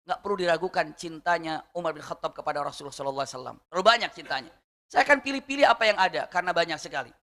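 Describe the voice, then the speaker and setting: A man preaching a sermon, telling a story with lively questions to the audience. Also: a little high, rapid-fire, big-room sound.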